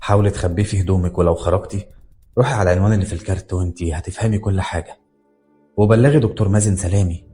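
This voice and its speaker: A secretive, kindly doctor with an Egyptian accent, as a male narrator plays him speaks low and firm with quiet urgency. His voice is dark and mellow, and the pace stays quick, as in an audio horror story. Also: fairly even intonation, faint music behind, natural voice. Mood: urgent firm.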